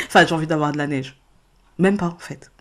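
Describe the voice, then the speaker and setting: A woman chatting frankly to camera as a card-reading vlogger, with plenty of fillers and frequent laughs, filmed indoors under spotlights. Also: deep voice. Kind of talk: casual chat to camera. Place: indoor set lit by several spotlights.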